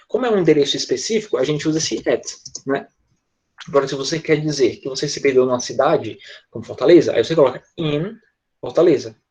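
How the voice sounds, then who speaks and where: A man with a Brazilian Portuguese accent teaching English in an online class, chatty and joking, slowing down to model English phrases. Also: medium pitch, animated, a little mellow.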